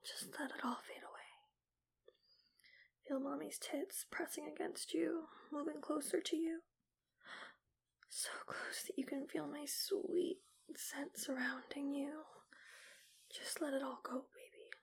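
Slow whispering woman, creaky and close. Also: sits high, steady tone. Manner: soft breathy whisper, slow and teasing. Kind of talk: whispered ASMR roleplay. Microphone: close mic, right at the ear.

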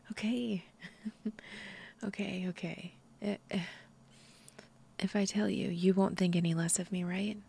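A young woman speaks right up against the microphone in a soft, husky whisper with a gravelly edge. Her delivery is slow and unhurried, and her tone sits dark and mellow. She talks shyly and haltingly, and she giggles often. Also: mid-range voice, fairly even intonation. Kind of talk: intimate whispered audio roleplay. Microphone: close microphone.

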